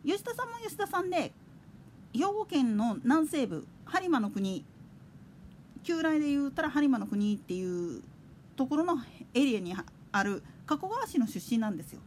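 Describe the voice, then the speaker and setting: Lively high-voiced woman chatting. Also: moderate pace, a little hiss or hum. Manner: chatty, digressive, with soft laughs. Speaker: podcast host. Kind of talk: casual solo chat radio.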